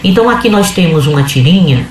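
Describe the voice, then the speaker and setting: A woman's voice: fairly low pitch, lively intonation, fast, a little hiss or hum. Casting: woman teacher, patient step-by-step explainer, heard from a distance in a very echoey room. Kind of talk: video lesson.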